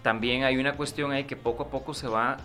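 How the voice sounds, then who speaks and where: Bright-voiced man chatting. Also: mid-range voice, steady tone, quick pace, soft background music. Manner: chatty, frequent "¿verdad?" tags. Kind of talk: casual conversation.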